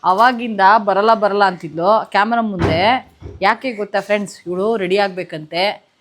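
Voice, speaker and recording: A woman's voice: medium pitch, normal speed. A woman hosting a home cooking video, chatting casually to viewers and playfully teasing a child. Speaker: cooking vlog host.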